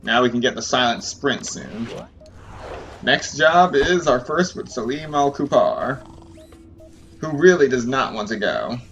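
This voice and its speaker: Male streamer, unhurried casual game commentary, easy chuckles, light music under. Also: medium pitch, dull audio. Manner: relaxed, chuckles often.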